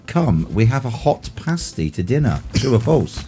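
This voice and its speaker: A man's voice: medium pitch, sing-song, moderate pace, mellow, soft background music. A man co-hosting a radio show, reading out quiz questions with joking asides in casual chat. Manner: jokey, reads questions with playful asides.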